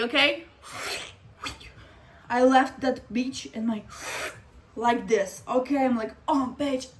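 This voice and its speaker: Blunt animated young woman, faint hiss. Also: on the high side. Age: young adult. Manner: blunt, animated, swears freely. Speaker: vlogger. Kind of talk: casual opinion vlog.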